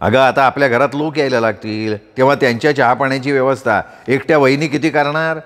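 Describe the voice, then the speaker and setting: A man's voice: medium pitch, brisk, a bit bright, natural voice. A man voicing a witty, mischievous young man with political ambitions, in an audiobook story. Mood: joking. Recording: roomy reverb.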